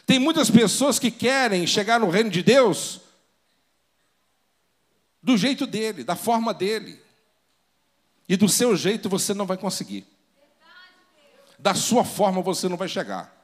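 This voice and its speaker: A man's voice: high voice, expressive, a little slow, long pauses. A man preaching a sermon as pastor, dramatic and full of rhetorical questions.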